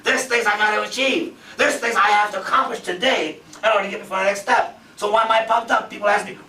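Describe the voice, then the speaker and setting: A man's voice: high-pitched, fairly even intonation, fast, sharp tone. Man, 50s, motivational seminar speaker; emphatic, repetitive, rhetorical; echoey room, mic at a distance. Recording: roomy, from far off, faint background noise.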